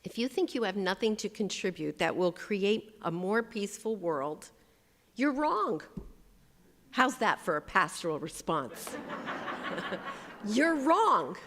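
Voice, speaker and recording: A woman's voice: medium pitch, a little slow, long reverb tail, slight background noise. A woman pastor giving a sermon, speaking emphatically and leading the congregation in call-and-response. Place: church sanctuary.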